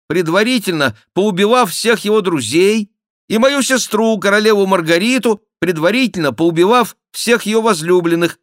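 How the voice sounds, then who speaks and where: A man voicing a mocking male court jester who makes a loud, nasal, theatrical mock confession. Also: no echo, clean studio sound. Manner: loud, theatrical, high-pitched mock repentance.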